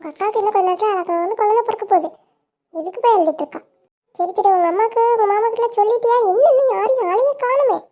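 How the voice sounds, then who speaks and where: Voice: very high-pitched, fast, mellow. A child acting as a caring, fussy middle-aged mother who soothes and scolds her daughters. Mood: soothing.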